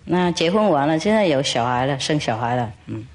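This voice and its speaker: A woman's voice: sits low, big pitch swings, brisk, darkish tone. A woman spiritual teacher lecturing to an audience, telling jokes in a playful, teasing way and chuckling often.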